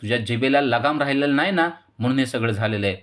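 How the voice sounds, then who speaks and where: A stern older man scolding his family in a loud, rising voice, as a male narrator puts him on. His anger climbs from line to line, sharp and commanding. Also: mid-range voice, brisk, close to an everyday voice. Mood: furious. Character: angry elderly man, stern family head.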